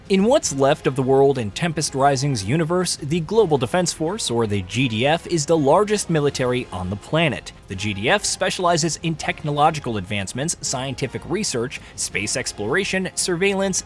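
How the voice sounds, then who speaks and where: A man's voice: medium pitch, sing-song, normal speed, few pauses, faint music behind. A man reading scripted top ten countdown narration about a video game, announcing headings and explaining in formal sentences.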